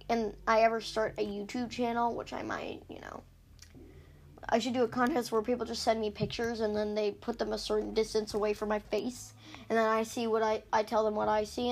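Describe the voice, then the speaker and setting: A woman's voice: fairly high pitch, creaky. A woman hosting a casual podcast, rambling chattily and cutting herself off with giggly asides, recorded on an iPad. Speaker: podcast host recapping books. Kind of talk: casual chat.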